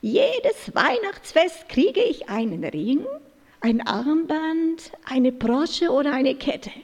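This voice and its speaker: A woman doing a high, greedy magpie. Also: sing-song, slow, a little mellow, in a large hall, heavily acted. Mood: eager.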